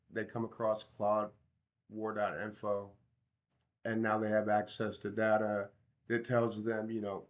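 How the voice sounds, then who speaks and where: A muffled recording captures a man with a lowish voice hosting a livestream, where he chats informally and slangily with viewers while working on an app, speaking right to them. His voice, not fully back after tonsillitis, has a sore, swollen-throat sound.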